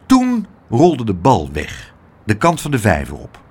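A man reading a children's story aloud in a lively, expressive way. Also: on the low side, unhurried, breathy edge. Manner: animated, expressive.

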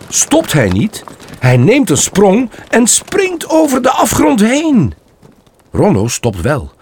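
A man narrating a children's storybook aloud in an expressive read-aloud manner. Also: a little high, slight background noise.

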